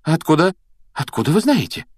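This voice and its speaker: A man voicing a strict older woman professor in a storybook reading, speaking in a cold, clipped, measured way. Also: medium pitch, very animated, no echo, pitched above the performer's own voice, natural voice. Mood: nervous.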